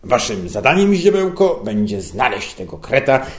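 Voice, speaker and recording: A man's voice: medium pitch, sing-song, normal speed, pitched above the performer's own voice, natural voice. A man voicing a pompous, condescending male boss who complains a lot.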